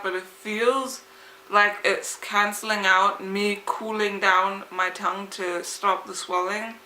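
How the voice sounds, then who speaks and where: A woman's voice: medium pitch, bright, forceful tone. A young woman chatting casually for a vlog, with slightly impeded, lisping articulation, as if her tongue is swollen. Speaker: vlogger. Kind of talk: casual vlog chat, rambling. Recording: echoey, roomy sound.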